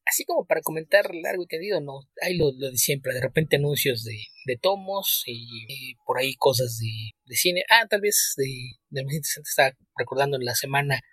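Husky-voiced male podcast co-host. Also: mid-range voice, animated, a bit bright, no room sound. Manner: quick, chatty, filled with small restarts. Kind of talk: casual chat.

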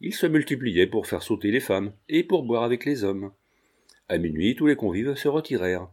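A man narrating an audiobook with a measured, expressive reading. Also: mid-range voice.

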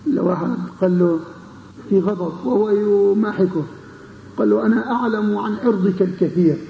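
Gravelly-voiced lecturer in an echoey room. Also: male voice, sits high, a little fast, slight background noise. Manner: explains with repeated checking questions to students. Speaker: Islamic scholar teaching a text. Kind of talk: classroom lecture on a legal text. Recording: dull lo-fi recording in an echoey room.

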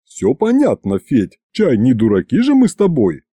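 A man voicing a formidable stout woman chief accountant, gruff and domineering, with blunt folksy speech and a booming manner. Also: huge pitch swings, normal speed, mellow, no room sound. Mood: gruff, bossy.

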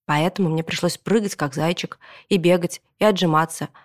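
A woman narrating a children's book in the first person as a boy, with lively storytelling. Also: lowish voice, a little fast. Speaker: audiobook narrator.

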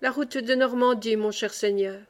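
A sly medieval informer speaks in a fawning, ingratiating way, as a woman reads him aloud. The voice sits fairly high. It is a storybook narration. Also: steady tone, normal speed, lightly acted.

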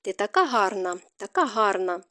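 A woman's voice: mid-range voice, big pitch swings, normal speed, bright, forceful tone. Woman reading an ardent young nobleman.

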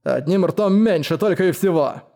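Snarling vengeful brute, threatening, male reader, mellow voice. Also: sits high, animated, moderate pace, vocal fry, pitched above the performer's own voice. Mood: menacing. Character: menacing brutish man, vengeful father.

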